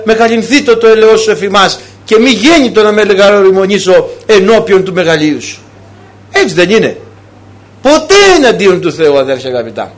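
A man with a notably high voice preaches, throwing out one rhetorical question after another. He acts out little conversations as he speaks, switching voices to make his point. It is a lively, pastoral way of talking. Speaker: priest. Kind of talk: sermon.

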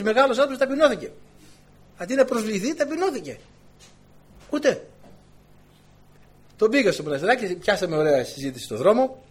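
Husky, animated male preacher. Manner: animated storytelling, voice climbing high when excited. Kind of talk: sermon with anecdote.

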